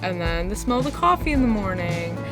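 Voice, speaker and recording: A woman's voice: medium pitch, sing-song, a little fast, music in the background. A young woman from Canada chatting casually while driving in a van, bubbly and rambling with lots of fillers. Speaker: van life vlogger. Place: inside a moving van.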